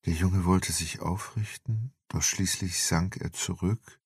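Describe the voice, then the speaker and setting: A man narrating a thriller audiobook in a deep voice, slow and tense. His voice is gravelly and husky, and he takes his time. The recording is close and dry. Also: fairly even intonation, no room sound. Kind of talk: scripted narration.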